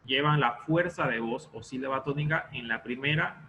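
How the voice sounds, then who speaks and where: A man's voice: medium pitch, moderate pace, pushed and bright, lo-fi sound, a little hiss or hum. A male teacher explaining a lesson step by step in an online class, often stopping to check that students follow.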